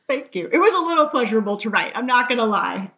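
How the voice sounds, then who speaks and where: Talking fast with a sharp tone, this woman author has a slightly high voice that swings widely in pitch. In a conversational interview she tells anecdotes candidly, full of self-deprecating remarks and vague hedges.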